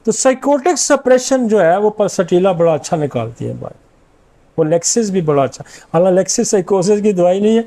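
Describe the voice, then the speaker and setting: High-voiced man lecturing on remedies. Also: animated, dark tone. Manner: confident, rattles off long lists of remedies. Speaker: homeopathic doctor lecturing. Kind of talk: informal medical lecture.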